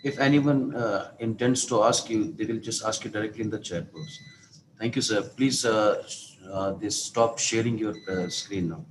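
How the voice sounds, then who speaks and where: A man's voice: on the low side, normal speed, background noise. A man moderating an online session over a video call, speaking politely and formally.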